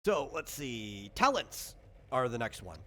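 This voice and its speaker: Unhurried and fairly bright, with a mid-range voice and big swings in pitch, the same kind of game master talks through character creation. He's a game designer explaining tabletop rules casually, rambling and interrupting himself, over clear background noise.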